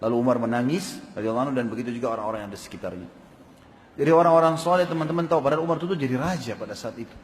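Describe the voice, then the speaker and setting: Preacher in a reverberant hall. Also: male voice, mid-range voice, rapid-fire. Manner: animated storytelling with questions to the crowd. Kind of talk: sermon.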